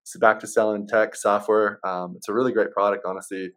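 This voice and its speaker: A man's voice: fairly low pitch, flat delivery, fairly quick, fairly bright tone. A man speaking casually as an interview guest, explaining things in an easygoing salesman manner. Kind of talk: casual chat.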